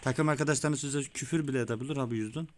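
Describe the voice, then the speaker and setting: Young man, gameplay commentary, excitable, frequent swearing, mid pitch, slightly rough voice. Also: racing, slight background noise. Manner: excitable, swears often, brotherly tone. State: sweaty, voice gone a bit rough. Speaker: gaming YouTuber. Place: small room with window closed.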